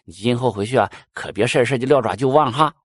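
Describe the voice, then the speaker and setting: A man voicing a fussy male underworld judge who chides and smooths things over. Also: medium pitch, fast, no room sound, clean studio sound, natural voice. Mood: chiding. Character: male King of Hell judge, fussy peacemaker.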